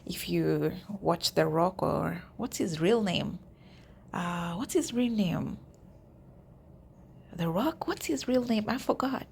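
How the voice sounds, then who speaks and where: A woman vlogger with a lowish, gravelly voice chats straight to her viewers. Her talk is casual and direct as she walks through listings. A faint hiss of noise sits under the recording. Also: animated, slow pace, pauses often, a little mellow. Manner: chatty, addresses viewers directly. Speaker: YouTube vlogger. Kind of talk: casual walkthrough of job listings.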